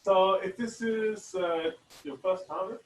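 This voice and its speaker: A man's voice: high-pitched, takes it slowly, roomy sound, far from the mic, a little hiss or hum, low-quality recording. A man co-hosting a casual online teachers' meetup, rambling with lots of fillers and restarts over a video call. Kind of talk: casual chat.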